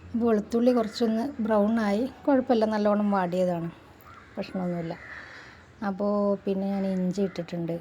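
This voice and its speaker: Speaking over her home cooking video, a middle-aged cooking channel host from Malappuram, Kerala, keeps things conversational and sprinkles in friendly tag words. Her tone is mellow with a fairly even pitch, over a slight background hiss.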